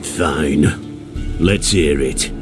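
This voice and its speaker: An actor playing a rough, surly peasant gang leader in a video game, with a menacing, rustic way of talking. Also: male voice, extremely low pitch, extremely slow, music in the background, exaggerated voice. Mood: grudging.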